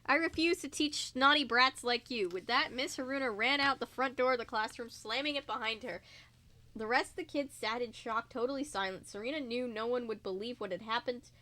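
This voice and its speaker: A woman's voice: fairly high pitch, fairly even intonation, a little fast, pushed and bright. Young woman reading a book aloud, exasperated. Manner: swears and exclaims in disbelief. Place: indoors, at home. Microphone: home microphone.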